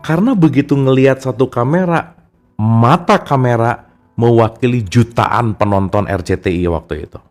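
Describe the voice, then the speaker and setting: A man's voice: medium pitch, moderate pace, faint music behind. A man giving a casual, chatty talk about a self-help book and speaking straight to his listeners as friends. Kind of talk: casual spoken book discussion.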